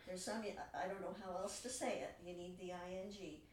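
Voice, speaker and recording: A woman's voice: fairly low pitch, fairly even intonation, fairly quick, a little mellow. A woman with a nasal voice talks casually in a writers' group, explaining things patiently and chatting freely. She sounds a little distant from the mic, in a roomy space with a faint hiss. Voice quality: nasal from paint fumes. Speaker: writing group member. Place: small room with a group.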